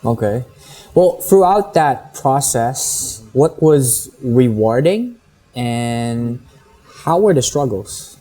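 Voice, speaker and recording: A man's voice: mid-range voice, animated, warm tone, soft background music. Upbeat male interview host. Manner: upbeat, quick introductions, short prompts. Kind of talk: casual interview hosting.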